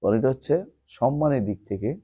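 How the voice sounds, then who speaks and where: Man, classroom teacher, mellow dark tone, quizzes students, slow Arabic recitation. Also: medium pitch, husky. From Bangladesh. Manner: asks students questions and explains term by term; recites Arabic verses and poetry slowly. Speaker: teacher of an Islamic text class. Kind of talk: classroom lecture with questions to students.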